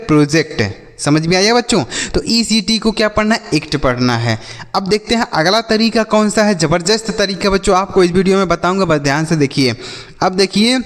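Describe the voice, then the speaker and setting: A man's voice: high voice, long reverb tail. A man teaching children to read English words, spelling each one letter by letter and asking the class what it says. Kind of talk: classroom-style phonics lesson for children.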